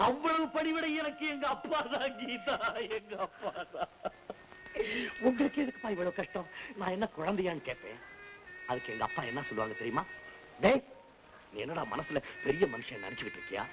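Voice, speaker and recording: A grieving son. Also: male voice, high-pitched, low-quality recording. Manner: declamatory, emotional, with long drawn-out pleading lines. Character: grief-stricken young man mourning his doomed father. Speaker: film actor. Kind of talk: 1960s Tamil film melodrama. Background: film score music.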